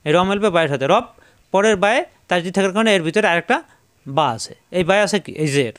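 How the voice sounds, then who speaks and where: High-voiced man patiently drilling syllables. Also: lively intonation, a bit bright, clear, resonant tone. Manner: slow, patient, repeats each syllable for learners to echo. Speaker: Quran reading teacher. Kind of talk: step-by-step spelling lesson.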